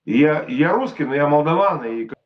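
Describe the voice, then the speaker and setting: A drunk man from Transnistria argues over a dull, muffled call line, sitting a little above the usual male pitch. He rambles, curses and insists on his point. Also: lively intonation, normal speed. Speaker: caller. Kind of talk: heated phone argument.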